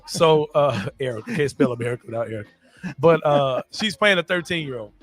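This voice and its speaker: Slightly high and expressive, this man's voice moves a little fast. As a podcast host, he keeps the sports and pop culture talk casual, slinging loose slang and laughing a lot. "Bro" is his go-to word for emphasis.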